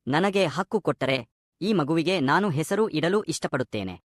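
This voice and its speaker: A man voicing an elderly, kind company chairman with a measured, solemn manner. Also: fairly high pitch, lively intonation, dry recording, studio quality, close to an everyday voice. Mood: tender.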